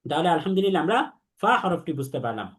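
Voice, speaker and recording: Man, young adult, high pitch, Arabic teacher, slow repetitive drilling. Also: big pitch swings. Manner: slow, repetitive drilling, has students repeat after him. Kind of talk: online lesson on Arabic letters.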